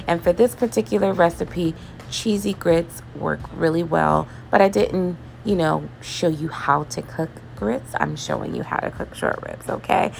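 Gravelly, slow-talking woman cooking at home. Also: on the low side, slight background noise. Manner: relaxed and chatty, with laughs and fillers. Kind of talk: casual cooking voice-over. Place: home kitchen.

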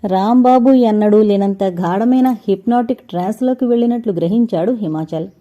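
A woman narrating a suspense thriller audio novel with an even, literary delivery. Her voice is mellow and dark, and the recording has a slightly dull, lo-fi sound. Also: fairly high pitch.

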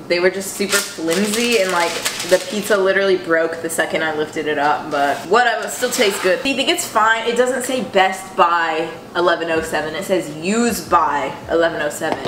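A woman's voice: medium pitch, background noise. Chatty young woman in an echoey kitchen. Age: 20s. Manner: chatty, rambling, playful. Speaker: vlogger. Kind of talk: casual chat to camera. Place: home kitchen. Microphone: fixed camera on counter.

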